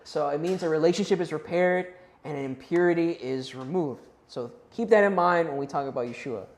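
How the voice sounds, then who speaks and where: In an echoey room, a man with a fairly high, fairly quick voice teaches youth about the Bible. He's casual and conversational, checking in with his listeners, though unsure of the pronunciation of some Hebrew and Greek terms.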